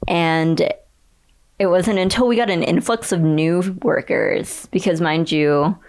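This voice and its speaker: A young woman with a low, full voice speaks as a guest in a relaxed interview. She tells her story in an animated way, acting out remarks and laughing often. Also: unhurried. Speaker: Starbucks barista and union organizer, guest.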